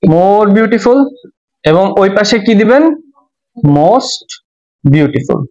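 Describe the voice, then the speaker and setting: A man's voice: sits high, expressive, a little slow, darkish tone. A man with a Bangladeshi Bengali accent giving a classroom English grammar lecture, spelling words out letter by letter and asking the class check questions. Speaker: English teacher. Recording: dull lo-fi audio.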